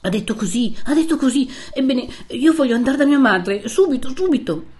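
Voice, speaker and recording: A desperate young captive woman, played by a woman narrating a storybook begs in trembling, urgent bursts. Her voice climbs well above the reader's own and grows loud. There is still a mellow softness to it. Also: high-pitched, sing-song, fairly quick, pitched above the performer's own voice. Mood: frightened.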